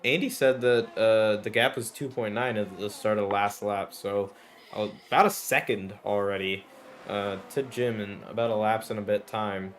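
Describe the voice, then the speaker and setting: A man's voice: lowish voice, steady tone, moderate pace. A man giving live motorsport commentary on an online race, following the action in short running phrases. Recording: clearly noisy background.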